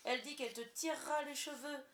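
A woman's voice: high voice, steady tone, quick pace, fairly bright tone, slight background noise, pitched above the performer's own voice. A woman voicing a cocky, wheedling boy who never grows up, in a roomy recording. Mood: casual. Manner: boastful, wheedling. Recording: roomy echo.

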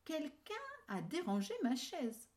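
A fussy middle-sized mama bear from a storybook, as a woman acts her out. Her voice sits a little higher than the narrator's, complaining and precise. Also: sing-song, slow, darkish tone, full character voice. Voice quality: medium voice, raised.

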